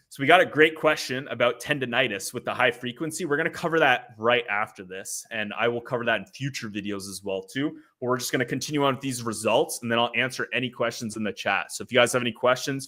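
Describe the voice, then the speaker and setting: Bright-voiced man chatting on a livestream. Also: mid-range voice. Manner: chatty, frequent "like" fillers and laughing asides. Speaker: livestream host. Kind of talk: casual livestream commentary. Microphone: streaming setup.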